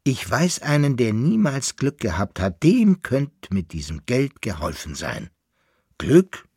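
A man's voice: mid-range voice, huge pitch swings, slow, mellow, breathy edge, no room sound, clean studio sound, heavily acted. A man voicing a weak, dying old man giving his last instructions in a storybook reading. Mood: weary.

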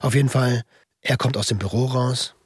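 A man with a husky, rough voice casually telling anecdotes in a blunt, slangy way. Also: medium pitch, moderate pace, dry recording, clean studio sound. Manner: blunt, slangy, acts out quotes in short bursts. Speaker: guest telling his story, former army instructor. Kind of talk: casual anecdotal storytelling in conversation.

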